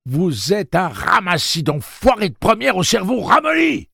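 A man reading an audiobook, voicing a fiery young woman who gives sharp, commanding orders. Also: high voice, animated, measured pace, no room sound, studio quality, voice pushed up. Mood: fierce.

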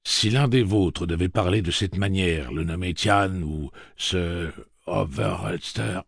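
A man voicing a stern gunslinger leader who speaks in a cutting, booming tone. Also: slow pace, gravelly, husky, no room sound, studio quality, heavily acted.

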